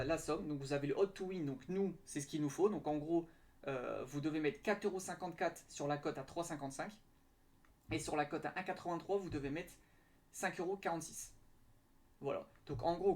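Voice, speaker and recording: Casting: young man, slightly high voice, halting and filler-heavy, casual screen tutorial. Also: a little mellow. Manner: hesitant, many fillers and restarts. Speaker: betting tips youtuber.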